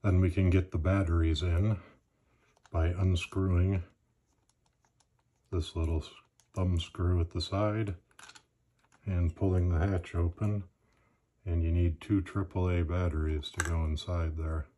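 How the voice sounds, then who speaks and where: A man with a very low, mellow voice presents a step-by-step demonstration. His delivery is measured and matter-of-fact, with a flat, steady intonation. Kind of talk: instructional narration.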